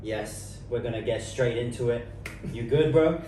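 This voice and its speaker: A male podcast host who talks in relaxed hip hop slang. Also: mid-range voice, moderate pace, slight background noise. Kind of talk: casual podcast chat. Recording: roomy sound from a distant mic.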